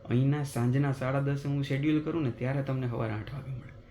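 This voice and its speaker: A man, telling a story as a vlogger in a chatty, animated way, recorded in his apartment at night. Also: mid-range voice, fast, slight background noise. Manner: animated retelling of a mishap, chatty and conversational. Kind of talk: casual vlog storytelling.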